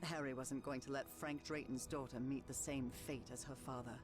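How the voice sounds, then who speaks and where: Game narrator: pulp horror storyteller, low voice, scripted delivery over clear background music. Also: female voice, fairly even intonation, moderate pace. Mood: tense. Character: woman narrator retelling a pulp horror adventure.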